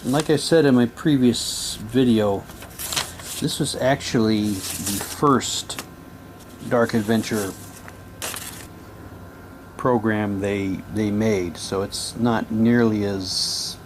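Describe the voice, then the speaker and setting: Showing off audio drama props, this man alternates between easygoing chatter and reading printed text aloud. He speaks slowly in a lowish, steady voice with long pauses, over noticeable background noise.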